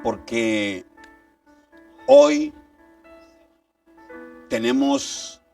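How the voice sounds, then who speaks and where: Gravelly, animated male preacher. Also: very high-pitched, extremely slow. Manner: emphatic, reads scripture aloud, asks rhetorical questions. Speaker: pastor. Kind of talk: sermon. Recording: distant mic, faint background music.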